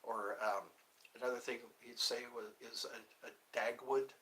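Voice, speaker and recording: In a rough recording, a middle-aged man speaks in a hushed, mid-range voice with a steady tone and an unhurried pace. He's keeping quiet in a thin-walled indoor room as he chats aimlessly with viewers on a phone livestream, wandering through stories with many fillers.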